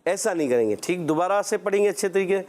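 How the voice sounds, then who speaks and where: Male Quran teacher, high clear voice, patient and encouraging, stretches the letters out for the kids. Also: lively intonation, a little mellow. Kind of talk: children's Quran pronunciation lesson.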